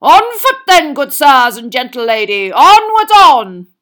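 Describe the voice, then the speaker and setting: A woman voicing a small, pompous, reckless male knight who bellows archaic battle cries in a high, loud voice. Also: animated, a little slow. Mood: rousing.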